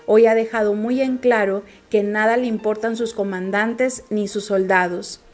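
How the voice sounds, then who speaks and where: A woman reading the part of a stern male army commander, blunt and reproachful, in a firm, measured way. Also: mid-range voice, steady tone, faint music behind, natural voice.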